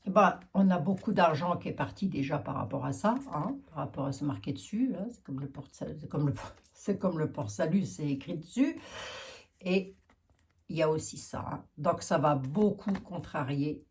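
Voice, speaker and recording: A woman's voice: low voice, moderate pace, a little mellow, slight background noise. A woman with a Lorraine French accent, reading cards and chatting frankly while thinking aloud with many fillers. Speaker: card reader. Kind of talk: casual card reading monologue.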